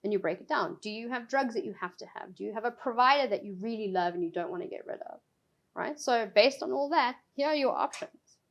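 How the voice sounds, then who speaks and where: A woman's voice: fairly high pitch, animated, brisk, creaky, highs cut off. Enthusiastic woman guest talking shop. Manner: emphatic, enthusiastic, laughs easily. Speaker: regional sales director, guest. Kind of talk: casual interview chat.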